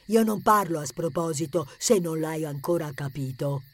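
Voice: medium pitch, normal speed, lightly acted. An actor voicing a nervous, fussy teenage boy who stammers when scared, in an audiobook story. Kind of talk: audiobook character acting.

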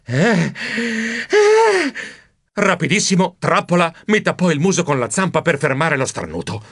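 A man narrating a children's audiobook in the first person, animated and expressive. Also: high voice, measured pace, husky, no echo, studio quality.

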